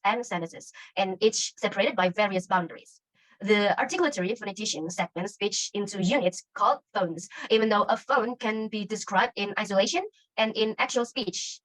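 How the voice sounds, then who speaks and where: A woman's voice: medium pitch, fairly bright tone, no room sound, low-quality recording. A young woman student presenting a class summary, reading carefully from notes. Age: young adult. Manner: careful, read-aloud delivery.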